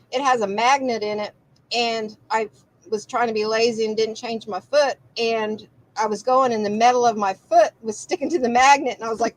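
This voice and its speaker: A woman's voice: fairly high pitch, rough recording. A woman hosting a live quilt shop broadcast, chatting casually and rambling with restarts. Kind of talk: casual live-stream chat.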